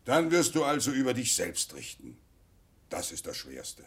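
An actor playing a pompous, lonely old king in a children's audio drama, with an imperious, drawn-out, husky delivery. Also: mid-range voice, huge pitch swings. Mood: persuading, weighty. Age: older.

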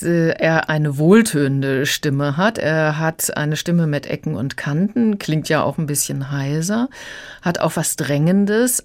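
A woman critic discussing an audiobook on the radio, explaining the story clearly. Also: sits low. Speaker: book critic guest. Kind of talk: radio book-review discussion.

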